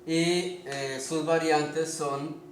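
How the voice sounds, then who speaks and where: A man giving a slow spelling lesson, speaking deliberately, pausing often and checking in with his listeners. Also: on the high side, fairly even intonation. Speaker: language teacher. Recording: echoey room with faint background noise.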